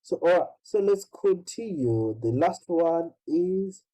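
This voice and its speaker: Slow, mellow male English tutor on a video call, keeps checking in with the student. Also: on the high side, animated, rough recording. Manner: slow, repeats "right?" constantly. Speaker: English teacher. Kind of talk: online English lesson.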